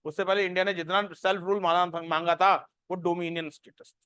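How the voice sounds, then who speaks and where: High-voiced Indian man dictating lecture notes. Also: little pitch movement, pushed and bright, smooth, no echo. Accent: Indian English. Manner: mixes Hindi and English, repeats dictated lines slowly. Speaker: history teacher for civil service exam coaching.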